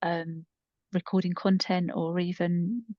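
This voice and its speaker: A woman in her fifties, a coach who co-hosts a podcast, tells casual conversational stories in a rambling, self-deprecating manner. Her voice is on the low side, level in tone and measured in pace. The recording is muffled with a roomy echo.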